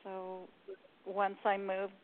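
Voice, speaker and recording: A woman's voice: mid-range voice, completely flat delivery, takes it slowly. Woman caller on a tinny phone line. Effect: caller heard over a phone line. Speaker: radio show caller. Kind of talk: call-in reading.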